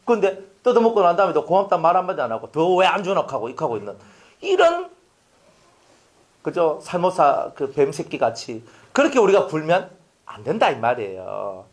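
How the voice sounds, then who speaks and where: A man preaching a sermon, asking the congregation rhetorical questions and swinging from loud to hushed. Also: a little high, very animated, brisk. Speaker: pastor. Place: church sanctuary.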